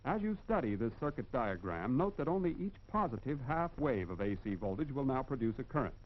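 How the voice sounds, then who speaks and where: An American man narrates in the style of a 1940s educational industrial film. His delivery is formal and instructive, with measured emphasis at a medium pitch. The sound is that of a dull, band-limited old film soundtrack. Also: sing-song.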